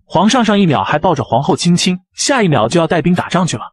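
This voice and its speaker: A man narrating a comic story recap in a brisk, upbeat way. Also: sits high, big pitch swings, no echo.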